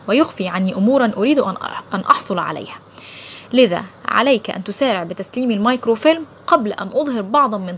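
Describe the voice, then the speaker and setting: A woman voicing a hot-tempered, ruthless male colonel who speaks in a sharp, gloating, menacing manner in an audiobook. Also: mid-range voice, a little hiss or hum. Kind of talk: audiobook character voice.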